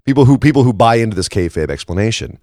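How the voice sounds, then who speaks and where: Worn out from a late shift, this podcast host chats about wrestling in a froggy, slightly hoarse morning voice, medium in pitch, warm and expressive, racing along. He drives his points home emphatically and keeps checking in with tag questions, recorded dry with no echo or room around him.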